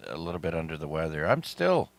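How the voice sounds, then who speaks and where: A middle-aged man from Canada hosts an amateur radio net with a low, unhurried voice. He talks casually, with plenty of fillers. His throat sounds a little sore. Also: vocal fry. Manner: relaxed, chatty, many fillers. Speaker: net control host.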